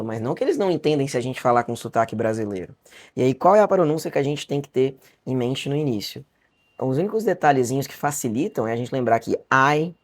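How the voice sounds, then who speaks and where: A Brazilian English teacher with a Brazilian Portuguese accent gives a beginner lesson online, chatty and encouraging, repeating words slowly so learners can practice. His voice is medium-pitched, picked up by a webcam or camera facing him.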